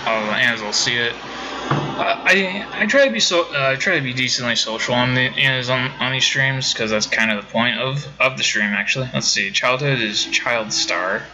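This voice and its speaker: Streaming a game from home, a man chats casually with viewers in let's-play commentary, rambling and correcting himself a lot. His voice is medium-pitched, pushed and bright at a moderate pace, and the audio is poor.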